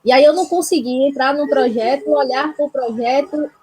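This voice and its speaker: A woman's voice: high-pitched, fairly even intonation, moderate pace, darkish tone, a little hiss or hum. A woman with a Bahian Brazilian accent talking reflectively and earnestly as a host, often adding tag questions to seek agreement. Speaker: panel host, health project institutional supporter. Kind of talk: reflective conversational talk.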